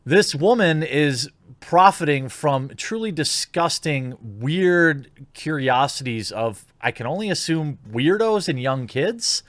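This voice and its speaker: A male YouTube commentator speaks slowly and expressively in a higher, slightly bright voice, his casual opinions laced with criticism and sarcasm. The close-mic audio has no room sound.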